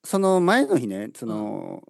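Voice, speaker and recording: A man co-hosting a podcast in casual chat, relaxed and chuckling at himself. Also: mid-range voice, slow pace, creaky, no room sound, studio quality. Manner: relaxed, chuckling, self-deprecating. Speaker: podcast co-host and teacher.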